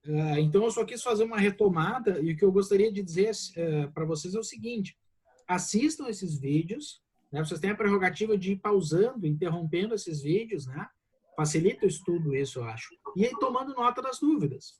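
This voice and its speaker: This man's voice is high-pitched, expressive, brisk and husky. He's a Brazilian law professor answering students' questions in an online class over video, sounding a bit congested. He's easygoing and comforting, with "né?" sprinkled all through his Brazilian Portuguese.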